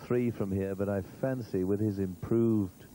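A man's voice: lowish voice, fairly even intonation, measured pace, warm tone. A male golf commentator giving conversational live commentary, rambling along with humorous asides. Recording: noisy old TV broadcast audio.

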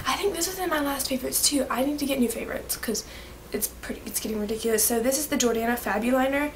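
A young beauty vlogger with a high-pitched, stuffy voice from a cold gushes about her favorite products in a casual vlog shot in her bedroom. She's bubbly and full of quick asides, with slight background noise behind her.

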